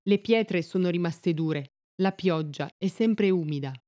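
A man's voice: high voice, a little slow, a little mellow, no echo, clean studio sound. A woman voicing a poor, earnest peasant man who protects his sister, stammering when upset, in a read-aloud story.

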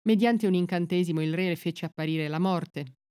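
A woman narrating a literary excerpt and fairy tale in a measured, unhurried audiobook reading. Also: fairly low pitch, mellow, clear, resonant tone, dry recording, clean studio sound.

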